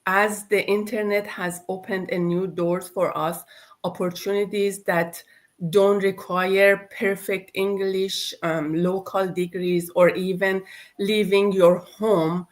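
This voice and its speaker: A middle-aged woman hosting a live online talk show over a video call, speaking slowly with many ums and uhs. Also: mid-range voice, level tone. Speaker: host.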